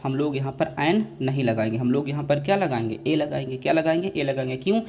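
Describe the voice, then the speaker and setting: A man's voice: medium pitch, fast, vocal fry, a little mellow. Man teaching grammar in call-and-response. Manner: repetitive call-and-response drilling, addresses students as dear children. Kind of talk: classroom lecture, asking and answering his own questions.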